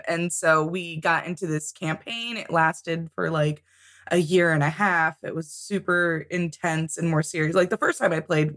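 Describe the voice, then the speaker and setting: A woman with a low, slightly bright voice appears as a podcast guest in a casual interview. She's a tabletop game author and chats about tabletop games, laughing often and saying "um" a lot.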